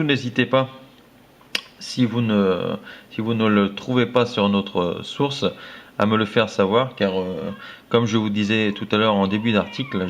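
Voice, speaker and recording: A man, a tech blogger, walking viewers through phone themes in a casual, halting way full of fillers. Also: lowish voice, a little hiss or hum. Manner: halting, filler-heavy, friendly. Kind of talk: casual screen-recorded walkthrough. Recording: dull lo-fi recording.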